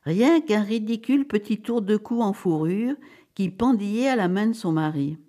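A woman narrating a short story aloud, dramatic and animated. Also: medium pitch, normal speed. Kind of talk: expressive audiobook reading.

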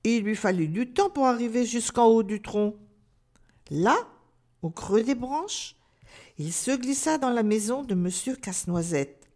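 A woman reading a children's story aloud in a gentle, expressive way. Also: fairly high pitch, measured pace.

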